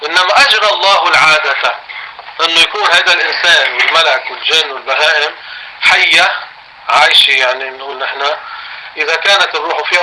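In a classroom, a male religious teacher with a Levantine Arabic accent gives a lesson, reading a text slowly and explaining it in everyday language. He puts questions to his students, his voice sitting a little high against a noisy background.

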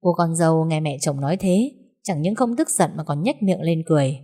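A woman narrating a dramatic family story in a steady, expressive reading. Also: deep voice, brisk.

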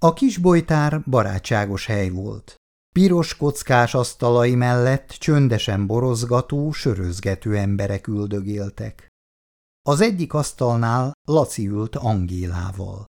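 A man reading a novel aloud in measured narration. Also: medium pitch, lively intonation, darkish tone. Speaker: reader.

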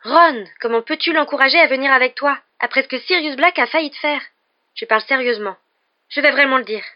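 A reader voicing an earnest teenage girl witch in a high, insistent, scolding voice. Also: brisk, highs cut off, close to an everyday voice.

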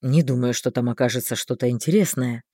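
A woman reading an audiobook voices a calm, caring male mage who speaks in a measured, unhurried way. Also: breathy edge, no room sound, clean studio sound. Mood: cautioning. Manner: unhurried, measured, low and soft. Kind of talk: audiobook character voice.

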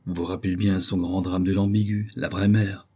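A man's voice: low voice, flat delivery, normal speed, warm tone, breathy edge. A man reading an audiobook, voicing a middle-aged male actor who is shaken by grief and speaks in a colloquial, emotional way. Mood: grieving.

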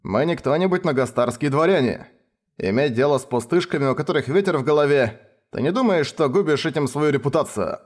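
A man's voice: fairly high pitch, lively intonation, brisk, pitched above the performer's own voice. A man reading a story, voicing a blunt young male noble who mocks his friend. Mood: reproachful.

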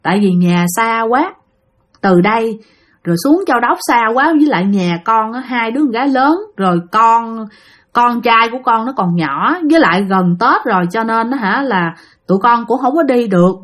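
A woman's voice: a little high, lively intonation, normal speed, fairly bright tone. A desperate middle-aged husband, played by a woman, speaking. He begs and rambles through his words in a ghost story. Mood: pleading. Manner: pleading, rambling.

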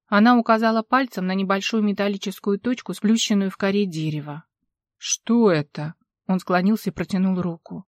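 A woman's voice: medium pitch, steady tone, quick pace, hardly any pauses, dry recording. Woman narrating an audiobook, dry close sound. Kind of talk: scripted narration.

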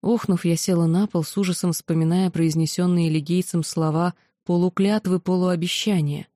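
A woman narrating a first-person audiobook in a steady, measured way. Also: lowish voice, dry recording, clean studio sound.

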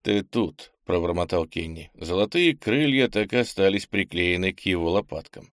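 A man reading a novel aloud as audiobook narrator, in a steady, even manner. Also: low voice, moderate pace, no room sound, clean studio sound. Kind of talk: scripted narration.

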